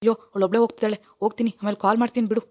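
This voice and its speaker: A woman voicing a puzzled, mild young husband in an animated cartoon, speaking in a lowered voice. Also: rapid-fire, lightly acted. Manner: bewildered, questioning.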